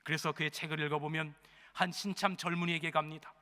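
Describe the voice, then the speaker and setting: A man's voice: fairly high pitch, level tone, fast, sharp tone. Dramatic male pastor preaching. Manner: dramatic, acts out dialogue. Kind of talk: sermon storytelling. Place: church sanctuary. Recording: long hall reverb.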